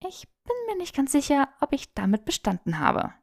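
A woman voicing a bookish young witch who talks in a flustered, rushed, defensive way. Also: sits high, big pitch swings, creaky, pitched above the performer's own voice, full character voice. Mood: exasperated.

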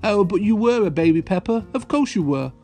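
A man voicing a gentle, amused mother pig in a children's storybook, reassuring and sing-song. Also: sits high, expressive, a little fast, faint music behind, pitched above the performer's own voice. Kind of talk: children's cartoon storybook read-aloud.

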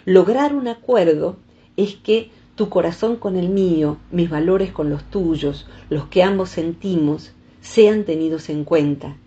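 Woman psychologist, low and mellow, calling in over a muffled line. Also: measured pace. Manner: reflective, uses images and examples. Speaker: psychologist guest. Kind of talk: calm explanatory radio talk.

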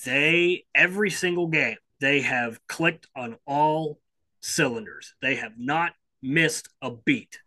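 A man co-hosting a casual sports podcast, building his points in a measured way and restarting his sentences. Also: on the high side, bright, forceful tone. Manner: measured, keeps repeating "here's my thing". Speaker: podcast co-host.

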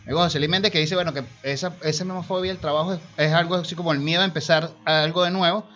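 Venezuelan male radio host, fairly high voice, rambling casual chat, dull lo-fi sound. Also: steady tone, quick pace, bright, forceful tone. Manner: rambling, with restarts and laughs.

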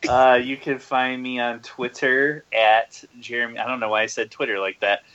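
A man's voice: medium pitch, fairly even intonation, normal speed, fairly bright tone, clean tone, muffled recording. A man co-hosting a podcast, playful and often laughing in casual chat. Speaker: podcast co-host.

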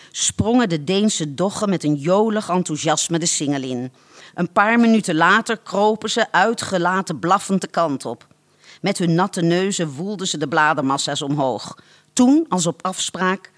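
A slow, deliberate storyteller reading a literary tale aloud. The narration is measured and unhurried, with a dry, ironic edge that lets details land without comment. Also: mid-range voice, fairly bright tone.

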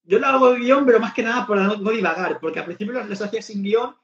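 A man's voice: sits high, quick pace, fairly bright tone. A man hosting a podcast in a casual, rambling way with many restarts. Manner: chatty, rambling with frequent restarts. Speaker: podcast host. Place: lives in Barcelona. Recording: echoey, dull lo-fi sound.

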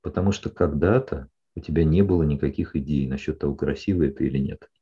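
Warm, deep and husky, the voice belongs to a psychologist counseling a female client. He explains things calmly and keeps stopping to ask "да?" to confirm she understands, on audio that's somewhat dull and lo-fi.

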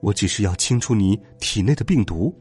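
A man voicing a cold, stern schoolkid who may be a robot, in an icy, flat manner, in a storybook reading. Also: lowish voice, brisk, slightly rough, soft background music, voice pushed down.

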